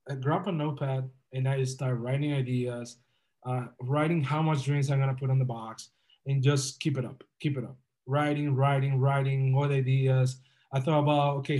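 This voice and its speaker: A young Dominican man appears as a guest entrepreneur on a casual podcast interview, telling his story in an earnest, upbeat, motivational way. His voice sits fairly high and sounds a little mellow.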